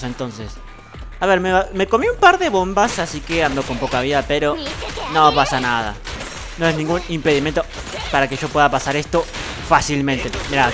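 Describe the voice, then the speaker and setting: A man with an Argentine accent giving excitable, boastful gameplay commentary at his computer, swearing casually. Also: a little high. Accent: Argentine Spanish. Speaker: gaming streamer. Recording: loud game music behind voice.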